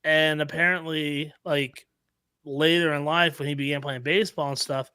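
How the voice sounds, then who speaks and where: A man co-hosting a casual baseball podcast, with a voice sitting a little higher than most men's. He tells stories in a relaxed, rambling way, padded with "um" and "like". The sound is dry and close to the mic. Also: normal speed, clean tone, dry recording. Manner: storytelling, laid-back, uses many "um" and "like". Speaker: podcast co-host. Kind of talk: casual chat.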